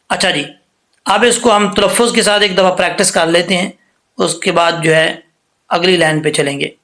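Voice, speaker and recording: A man teaching tajweed rules step by step, patient and repetitive, often checking "theek hai?" and slowing down to recite the examples. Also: on the high side, fairly bright tone. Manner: slows to drawn-out recitation for examples.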